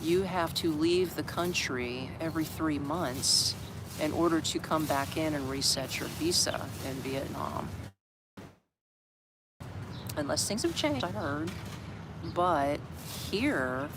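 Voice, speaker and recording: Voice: mid-range voice, measured pace, long pauses. An older American from Florida chatting casually on a live stream, rambling and reading out viewer comments. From USA (Orlando, Florida). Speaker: livestream vlogger. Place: open shed in a city park, outdoors. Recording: outdoor street traffic noise. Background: street traffic.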